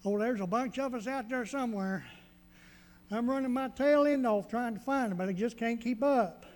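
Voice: mid-range voice, moderate pace, a little mellow, long reverb tail, close to an everyday voice. A performer playing a bumbling, good-natured country shepherd in a nativity skit, speaking in a rural Southern US drawl full of homespun sayings. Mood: folksy.

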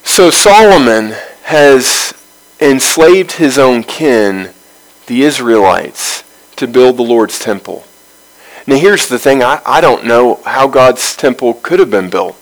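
A man leading a Bible study, reading scripture aloud and then explaining it verse by verse in a measured way, with pauses between phrases. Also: medium pitch, expressive, low-quality recording.

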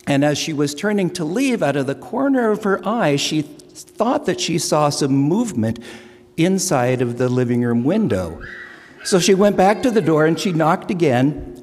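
A man's voice: fairly high pitch, very animated, moderate pace, darkish tone. Older man telling folksy jokes in church. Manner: folksy joke-telling, self-deprecating asides. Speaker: lay speaker for stewardship drive. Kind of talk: humorous church announcement with jokes. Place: church sanctuary. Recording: long church reverb.

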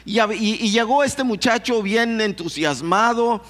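A man's voice: high voice, unhurried, fairly bright tone. A man preaching to a congregation, telling a story and asking them questions. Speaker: pastor. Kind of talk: sermon. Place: church hall. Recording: long hall reverb.

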